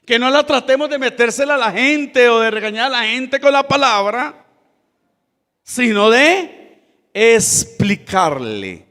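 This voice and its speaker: A man with a high voice preaches a sermon and explains the scripture in plain terms, speaking to his listeners as brothers. His words ring out with a long reverb, as in a church hall. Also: fairly even intonation, normal speed, pushed and bright.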